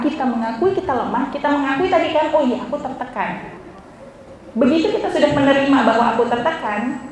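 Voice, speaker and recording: A woman giving a lively, interactive mental health talk to teenagers, often asking the audience questions. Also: on the high side. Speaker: seminar speaker on mental health. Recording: echoey hall with faint noise.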